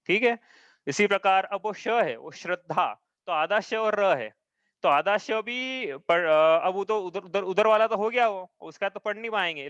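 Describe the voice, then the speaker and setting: Teacher, male, fairly high voice, dry and slightly muffled recording, patient and repetitive. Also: fairly bright tone, no room sound. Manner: patient, repetitive, checks understanding often; chants verses slowly. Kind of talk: live class explanation. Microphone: own mic, audio only.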